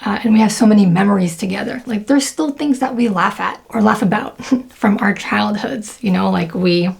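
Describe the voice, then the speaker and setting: A woman's voice: medium pitch, moderate pace, vocal fry, darkish tone. A young woman talking casually to camera, chatty and full of fillers. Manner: chatty, lots of fillers and laughs. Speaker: video creator.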